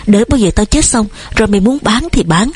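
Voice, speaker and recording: A woman voicing an old father who shouts and trembles with rage, with a husky voice. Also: mid-range voice, animated, quick pace. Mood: furious. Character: old father, furious and failing.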